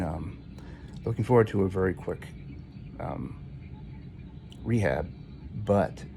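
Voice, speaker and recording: Deep, gravelly man in a casual video diary. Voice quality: low, gravelly voice. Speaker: patient recording a recovery video diary. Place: hospital room, indoors. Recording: noisy room ambience behind voice.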